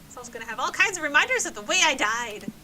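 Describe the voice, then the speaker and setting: A woman's voice: sits high, very animated, very fast, a crowd in the background, low-quality recording. A woman voicing a bubbly, morbid party-girl ghost who talks in hyper, squealing exclamations.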